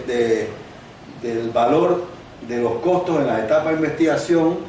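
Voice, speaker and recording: An older man born in Cuba, giving a conversational university lecture with examples and asides, speaking without a microphone. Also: medium pitch. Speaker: guest lecturer. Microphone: no microphone, distant recording. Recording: very echoey room, distant mic, faint noise.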